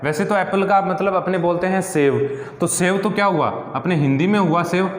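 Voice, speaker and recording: A male teacher explaining grammar step by step, often checking in with his class and asking rhetorical questions. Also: sits high. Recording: echoey room with long reverb.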